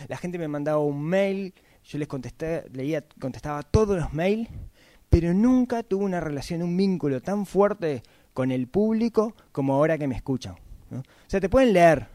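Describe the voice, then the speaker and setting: Chatty man with a higher voice. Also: mellow, dry recording. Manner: chatty, frequent tag questions. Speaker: podcaster giving a talk. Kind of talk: casual explanatory talk.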